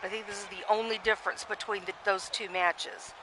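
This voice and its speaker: A woman's voice: medium pitch, steady tone, a little fast, background noise. A woman giving chatty play-by-play of a simulated wrestling match, reading viewer comments aloud and often starting her sentences over.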